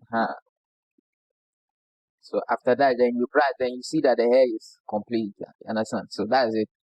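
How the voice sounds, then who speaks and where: A barber from Ghana, speaking Ghanaian-accented English, shows his technique in a casual demo while constantly asking "you understand?" The voice is medium-pitched and steady at a normal speed, and the recording is dry and muffled.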